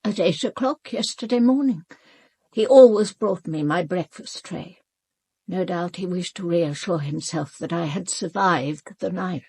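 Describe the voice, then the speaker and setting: With a lowish, darkish voice edged with breath, an actress portrays an older, haughty upper-class British mother for a radio drama. Her lines come at a measured pace, formal, clipped and precise, carrying a controlled, cool dismissiveness, and the recording has no room sound.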